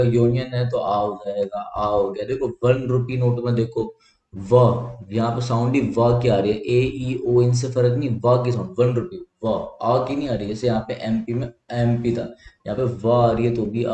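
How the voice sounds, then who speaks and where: A man explains grammar to exam students in a warm, relaxed voice that sits at a middling pitch. He repeats each point and sounds out vowels one by one, often stopping to ask whether they follow. The room around him rings with an echo. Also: normal speed. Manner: repetitive, checks understanding with "theek hai", drills sounds aloud. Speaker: English grammar teacher. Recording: echoey room.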